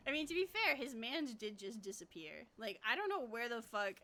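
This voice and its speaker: A woman with a high, very bright voice streams a game and chats casually. She sounds cute and bubbly, like an anime streamer, with a giggly, self-deprecating way of talking. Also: wildly swooping pitch, normal speed. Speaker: streamer, VTuber. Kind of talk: casual livestream gaming chat.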